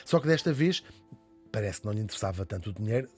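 A man with a European Portuguese accent, telling a history story as a podcast host in casual, lively chat with jokey asides. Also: on the low side, racing, over music.

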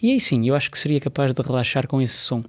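A man's voice: mid-range voice, very animated, fast talker, dry recording, studio quality. A man with a European Portuguese accent giving a conversational, discursive explanation, often checking in with short tag questions. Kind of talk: conversational explanation to a host and listeners.

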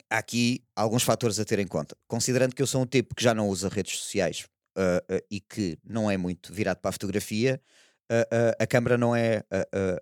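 A man's voice: fairly low pitch, a little mellow, dry recording, studio quality. A man with a European Portuguese accent talking casually on a podcast, in a hesitant, meandering way with frequent check-in questions. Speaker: podcast panelist. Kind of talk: casual chat.

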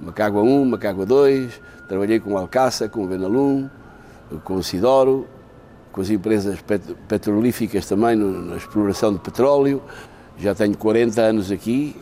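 Older man, mellow low voice. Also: normal speed, a little hiss or hum. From Portugal. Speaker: businessman. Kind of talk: interview.

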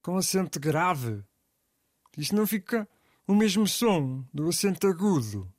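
A man's voice: high voice, sing-song, a little slow, no echo, studio quality. A man with a European Portuguese accent in comic scripted banter, asking puzzled questions and giving in easily.

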